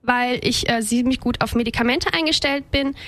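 A woman's voice: a little high, moderate pace, fairly bright tone, no echo. A woman in her thirties, a guest on a radio talk show, answering casually with many fillers. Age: 30s. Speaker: guest, self-help group leader.

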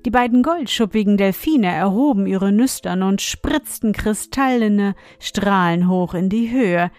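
A woman reads a fairy tale aloud in a slow, gentle storytelling voice meant for children. The sound is close and dry, with faint music underneath. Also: mid-range voice, dry recording.

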